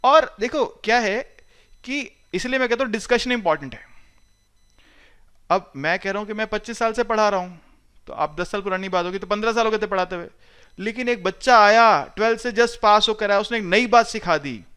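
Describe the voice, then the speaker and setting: A man's voice: high voice, fairly quick, sharp tone, clear, resonant tone. A middle-aged man from India giving a recorded math lecture in a chatty, reassuring way, mixing in English phrases. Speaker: math teacher.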